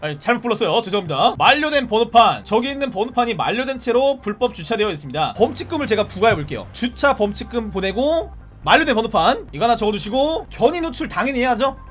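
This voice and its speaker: A man giving playful, animated live commentary while streaming a police game, often shouting commands at the game's characters. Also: extremely high pitch, quick pace, faint music behind.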